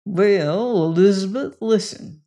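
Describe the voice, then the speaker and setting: Reading from a storybook, a woman plays a protective, gentle gunslinger cowboy with a rich voice and folksy Western drawl. Her pitch is medium and her pace slow, with a warm, earnest mood.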